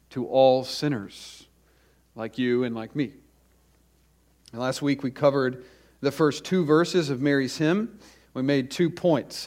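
Male preacher at a pulpit mic, mid-pitched, deliberate sermon delivery with stressed lists. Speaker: pastor.

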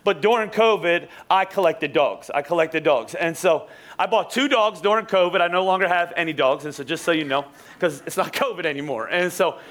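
A man's voice: sits high, a little fast, fairly bright tone. A young male pastor telling a joking, sarcastic story during his sermon, with many restarts and asides to the congregation. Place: church sanctuary.

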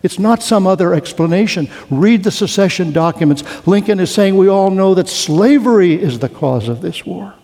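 A man giving a storytelling history lecture, deliberate and slowing to a hush on key lines. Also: high voice, lively intonation. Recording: long hall reverb.

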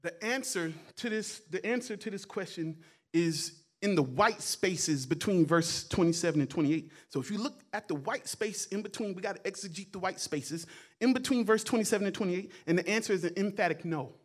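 High-voiced preaching man. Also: a little fast. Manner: preaching, swings between quiet asides and loud emphatic calls; colloquial, repeats words and phrases. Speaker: guest pastor. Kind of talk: sermon.

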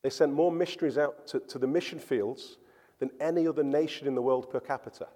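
Speaking quickly in a medium-pitched, dark voice, a pastor delivers an earnest, emphatic sermon and repeats words to drive points home. His words echo with the long reverb of a church hall.

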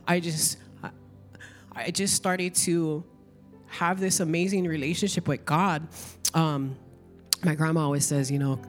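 A woman's voice: lowish voice, big-room sound. Emotional woman sharing her testimony. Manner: emotional, chatty, lots of "like". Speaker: church member giving a testimony. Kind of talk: Easter testimony at church.

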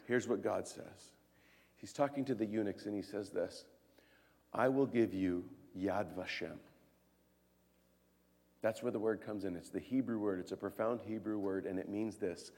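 A man in his thirties preaching a sermon as pastor, earnest, moving between hushed tones and emphatic peaks. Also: fairly low pitch. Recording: long reverb of a church hall.

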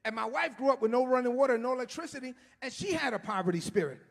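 A middle-aged man preaching an impassioned sermon as a pastor, often shouting and stretching his words, recorded in a church sanctuary. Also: very high voice, animated, quick pace, creaky. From United States. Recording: long hall reverb.

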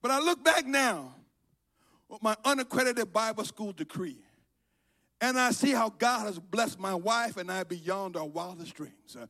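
A middle-aged pastor from Liberia preaching a sermon, dropping to quiet storytelling and rising to shouted calls. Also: male voice, high voice, animated, measured pace. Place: church sanctuary.

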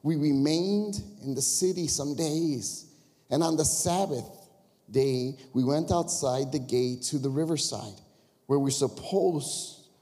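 Pastor from the Chicago area, mellow male voice, chatty confessional sermon style, long church-hall reverb. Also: fairly high pitch, slow. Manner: conversational storytelling with confessions and crowd asides. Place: church sanctuary.

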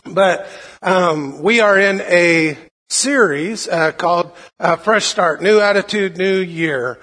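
Gravelly, hoarse male pastor in a reverberant hall. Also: high voice, sharp tone. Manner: halting, repeats words, informal. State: hoarse from being unwell. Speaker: pastor preaching to a congregation. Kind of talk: sermon.

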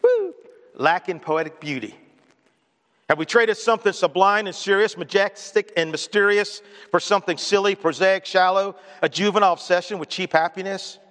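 A fairly high male pastor delivers an earnest sermon that rings through a reverberant church sanctuary. He builds to loud emphatic points, then drops low and gentle when he speaks of loss. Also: normal speed. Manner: earnest preaching, swells loud on key points, drops soft on grief.

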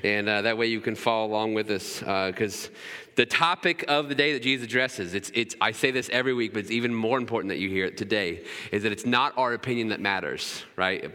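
A man's voice: lowish voice, sharp tone. A man in his thirties preaching a sermon in a church, talking in a casual, conversational way and often checking in with "right?". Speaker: pastor. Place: church sanctuary. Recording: long hall reverb.

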